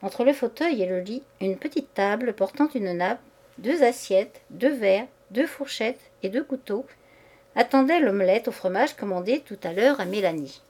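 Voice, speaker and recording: A woman's voice: mid-range voice, expressive, normal speed, darkish tone. Woman reading a classic short story. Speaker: reader.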